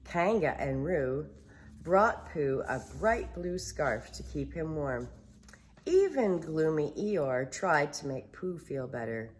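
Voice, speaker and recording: A woman's voice: low voice, sing-song, slow pace, a little hiss or hum. An older woman reading a children's story in a grandmotherly, storytelling manner. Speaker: storybook reader.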